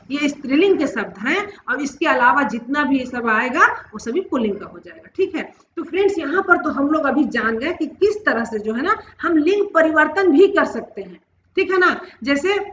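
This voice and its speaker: A woman's voice: sits high, pushed and bright, roomy sound, lo-fi sound, a little hiss or hum. A woman teaching a grammar lesson, explaining step by step and asking herself questions before answering them. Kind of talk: classroom-style grammar lesson.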